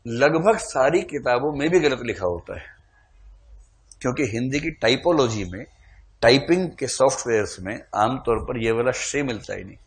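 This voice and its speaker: Playful male teacher quizzing a class. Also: medium pitch. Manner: quizzes the class, asks for shows of hands; teasing, playful with students. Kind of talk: classroom lecture.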